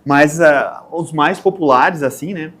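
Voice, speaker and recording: A man with a southern Brazilian accent, a podcast guest who tells stories in a lively way and acts out the lines of people in them. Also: on the high side, a little slow. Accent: Brazilian Portuguese, southern Brazil. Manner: animated storyteller, acts out quotes. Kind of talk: casual podcast interview.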